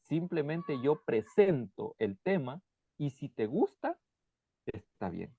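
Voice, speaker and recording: A man hosting his channel, talking in a relaxed, plain way with some restarts over a call. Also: a little high, slow, vocal fry, slightly rough. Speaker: channel host. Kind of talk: casual conversation. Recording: dry, dull lo-fi sound.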